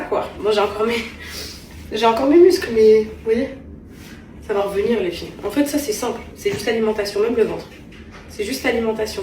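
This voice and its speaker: A woman vlogger talks casually to her camera in a home kitchen, sharing confidences with viewers and using a tender tone with her kids. Her medium-pitched voice is picked up by a distant mic, sounding roomy, with background noise from the house.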